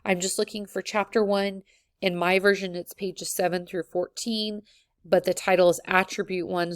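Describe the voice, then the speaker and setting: Low, gravelly woman explaining a course. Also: dry recording, clean studio sound. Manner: casual, friendly, many ums. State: has the hiccups. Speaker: college instructor. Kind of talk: recorded course walkthrough.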